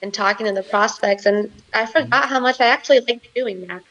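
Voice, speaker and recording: A woman from Costa Rica, a marketing consultant, speaking as an interview guest in a relaxed, matter-of-fact way. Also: on the high side, fairly quick, far from the mic, dull audio. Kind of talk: casual interview chat.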